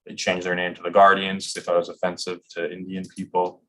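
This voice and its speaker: A man's voice: low voice, monotone, a little fast, fairly bright tone. A man talking casually in a discussion, easygoing, with lots of "like" and "um" fillers. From Ireland.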